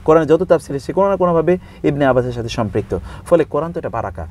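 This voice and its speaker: In an interview, a male Islamic scholar explains scripture in steady, listed points, reciting Arabic verses and slipping in English words. His voice is a little high and he talks at a racing speed.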